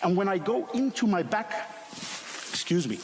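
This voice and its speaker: A man's voice: high voice, very animated, unhurried. A man from Finland with a Finnish accent, performing stage magic patter with playful, chatty remarks to two volunteers. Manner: playful, gesturing while talking. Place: TV studio stage with live audience. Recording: roomy studio with loud crowd and noise.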